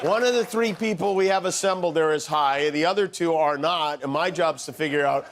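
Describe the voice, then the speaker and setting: A man's voice: fairly high pitch, a little fast. A middle-aged man hosting a late-night talk show, teasing his guests in wry, chuckling banter. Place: television studio. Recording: live studio audience, background noise.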